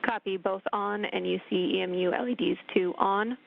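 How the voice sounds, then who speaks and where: A woman's voice: mid-range voice, fairly even intonation, normal speed, creaky. A woman at mission control reading out step-by-step procedure checks over a crackly radio link. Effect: crackly radio communicator link. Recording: tinny radio line.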